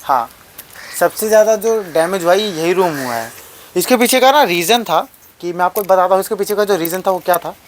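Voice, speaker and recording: A man's voice: sits high, lively intonation, a little fast, slight background noise. A young man vlogging a tour of an old mud house, talking straight to viewers in a rambling way and repeating his phrases, recorded on a phone camera. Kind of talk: casual vlog tour.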